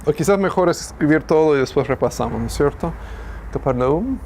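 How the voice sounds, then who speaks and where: A man's voice: a little high, animated, brisk, a little mellow, a little hiss or hum. A man teaching a classroom Bible lesson, thinking aloud, correcting himself and asking the class questions.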